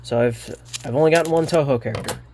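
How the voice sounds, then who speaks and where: A man rambling through a card unboxing, halting often with fillers and restarts, a little winded. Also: medium pitch, darkish tone, a little hiss or hum. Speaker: card unboxing channel host. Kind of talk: casual unboxing commentary.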